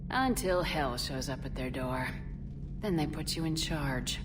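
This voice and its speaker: Commander Shepard, low-voiced and resolute. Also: female voice, lively intonation, a little slow, over music. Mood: teasing. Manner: firm, direct. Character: resolute, steady female human military commander. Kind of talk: video game cutscene acting.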